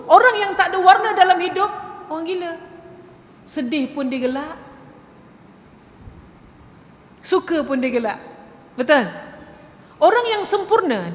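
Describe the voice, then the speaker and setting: A woman religious teacher giving a religious talk to a women's congregation, lively and full of rhetorical questions to the audience. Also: fairly high pitch. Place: mosque hall. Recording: reverberant hall, faint hum.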